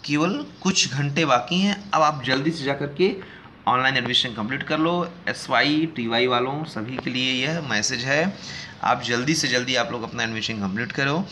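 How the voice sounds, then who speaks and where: Male host, a clear bright tone, conversational and direct with viewers, faint background hiss. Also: medium pitch, moderate pace. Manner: conversational, addresses viewers as friends, reads out news excerpts. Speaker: education news video host. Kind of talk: casual explanatory talk to viewers.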